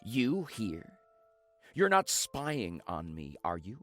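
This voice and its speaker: A man's voice: fairly low pitch, wildly swooping pitch, slow, soft background music, full character voice. An actor playing a wary male rival leader in a video game, speaking in a dry, suspicious way. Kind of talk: game character dialogue.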